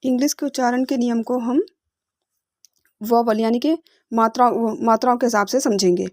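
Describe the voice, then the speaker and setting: A woman teaching English phonics, explaining patiently, repeating words slowly and asking rhetorical questions. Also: a little high, fairly even intonation, darkish tone, no room sound, studio quality. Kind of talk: explanatory lesson.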